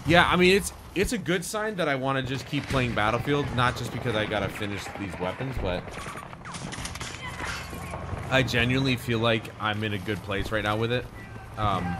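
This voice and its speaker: Male game streamer, lowish voice, informal and sweary self-talk over loud battle noise. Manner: profane, informal, muttering to himself. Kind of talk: casual live gameplay commentary. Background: video game battle sounds.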